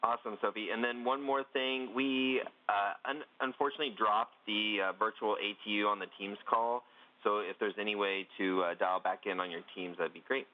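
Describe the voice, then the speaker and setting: A man's voice: fairly low pitch, steady tone, fairly quick. A male capcom making procedural calls over the space-to-ground radio, with hesitant fillers. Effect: space-to-ground radio link, thin and band-limited. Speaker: capcom in mission control. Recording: tinny phone-like radio line.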